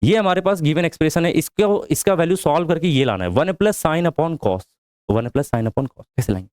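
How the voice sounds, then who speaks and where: Indian guy teaching maths, kinda high voice, asks the class stuff then answers it himself, dry close sound. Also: moderate pace, darkish tone, dry recording. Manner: explains step by step, asks the class questions and answers them himself. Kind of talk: whiteboard lesson.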